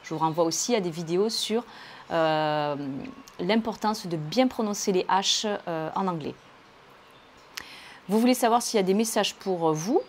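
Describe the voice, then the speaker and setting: A woman's voice: lowish voice, normal speed, a little hiss or hum. A woman teaching English, explaining words and pronunciation carefully, one point at a time. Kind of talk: language lesson explanation.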